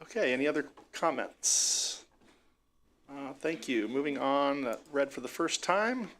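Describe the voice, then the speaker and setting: A man's voice: mid-range voice, lively intonation, measured pace, fairly bright tone, slight background noise. A man presiding over a city council meeting as council president, courteous and procedural.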